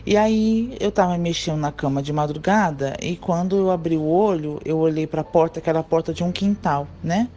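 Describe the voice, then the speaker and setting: Woman telling a story, mellow voice. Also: low-pitched, moderate pace, few pauses, lo-fi sound, slight background noise. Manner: animated, acts out quoted dialogue. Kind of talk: casual personal storytelling.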